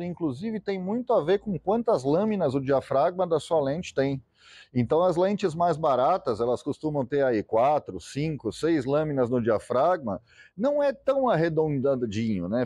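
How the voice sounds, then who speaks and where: Man, Brazilian accent, soft dark timbre, slightly high pitch, informal explanatory lecture, colloquial wording. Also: no room sound. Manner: colloquial, fond of diminutives. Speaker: photography presenter.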